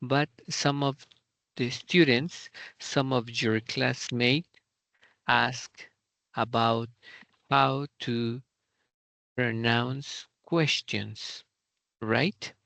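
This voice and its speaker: A middle-aged man gives an online English lesson, talking slowly and carefully as he models how questions rise and fall. His voice sits at an ordinary pitch. It comes through a computer mic on a video call, close and dry with no room sound. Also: steady tone, creaky, pushed and bright, dry recording. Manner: slow, explanatory, modelling question intonation. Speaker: English teacher. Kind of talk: online class lecture.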